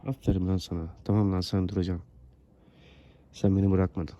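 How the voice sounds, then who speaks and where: This goose keeper has a deep, dark voice with a level tone, and he talks briskly while filming his birds outside. In a casual vlog style, he coaxes the geese and addresses them fondly, like children. The recording sounds lo-fi.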